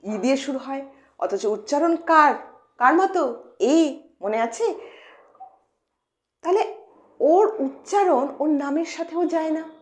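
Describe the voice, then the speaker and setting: A woman teaching phonics to children, playful and coaxing, asking many questions and slowly repeating each sound. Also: sits high, expressive. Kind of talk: informal lesson to children.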